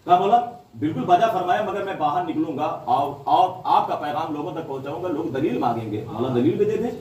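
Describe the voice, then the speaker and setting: High-voiced man preaching in echoey hall. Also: lively intonation, a little mellow, dull audio, a little hiss or hum. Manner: dramatic, repeats lines for emphasis. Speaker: majlis orator. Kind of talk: devotional sermon storytelling. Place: mourning gathering hall. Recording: echoey hall, far mic, crowd.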